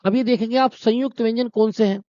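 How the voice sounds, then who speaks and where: A man's voice: extremely high pitch, steady tone, quick pace, dark tone, no room sound. A man teaching a Hindi exam-prep lesson, explaining step by step, asking his own questions and answering them, and calling his students brother and friends. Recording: dry, dull lo-fi sound.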